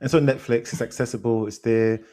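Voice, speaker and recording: A man's voice: mid-range voice, fairly even intonation, fairly quick, mellow. Laid-back British man, agreeable. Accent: British, London slang. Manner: laid-back, agreeable, many "mm" and "yeah" replies. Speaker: podcast co-host. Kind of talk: casual chat.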